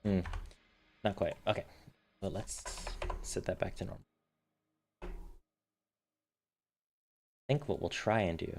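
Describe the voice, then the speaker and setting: A man's voice: low voice, fairly even intonation, unhurried, creaky, long pauses, darkish tone, slight background noise. A man streaming while building a game, casually thinking aloud and muttering settings as he tinkers.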